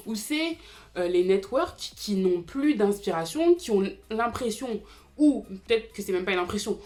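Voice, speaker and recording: A woman in her twenties chatting casually to viewers about TV series, with frequent fillers and asides. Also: mid-range voice. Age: 20s. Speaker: YouTube TV series commentator. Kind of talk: casual explainer vlog.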